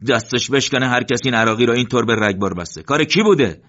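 Brief: male narrator doing a wry, stubborn wounded commander, louder and higher than his reading voice, on a muffled lo-fi recording. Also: fairly even intonation, natural voice. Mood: urgent. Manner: raised, emphatic voice.

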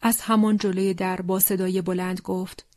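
A woman reading a wartime testimony as scripted narration, solemn and slow, often sinking into a hushed whisper. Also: medium pitch, flat delivery, dry recording, studio quality.

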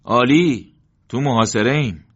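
Brief: male narrator doing a wry, stubborn wounded commander, louder and higher than his reading voice, on a muffled lo-fi recording. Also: fairly even intonation, natural voice. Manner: raised, emphatic voice.

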